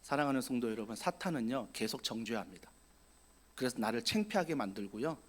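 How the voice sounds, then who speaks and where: A man preaching a sermon as pastor, dramatic, acting out quoted voices and building to loud, emphatic preaching. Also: mid-range voice, lively intonation, a little fast.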